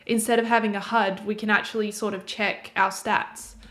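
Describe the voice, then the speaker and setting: A woman's voice: medium pitch, little pitch movement, moderate pace, background noise. Aussie woman hosting a reaction video, rambling, thinks aloud. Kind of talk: casual commentary on a game trailer.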